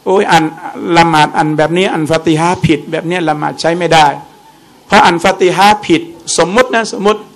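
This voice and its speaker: A man's voice: fairly high pitch, quick pace. A man giving a religious lecture, speaking conversationally, repeating his points and putting questions to the audience. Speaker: Islamic religious teacher.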